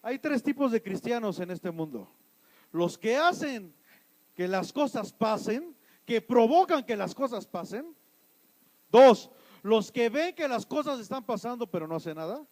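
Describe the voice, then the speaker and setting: A Mexican pastor preaching a sermon in church, asking the congregation questions and answering them, shifting between loud emphatic lines and quiet asides. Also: male voice, extremely high pitch, very animated, measured pace, poor audio. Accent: Mexican Spanish.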